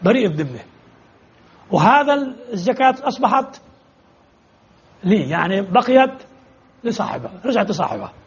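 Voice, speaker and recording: A man's voice: sits high, big pitch swings, normal speed, long pauses, lo-fi sound. A man teaching religious law in a lecture, explaining with repeated examples and rhetorical questions as he answers students.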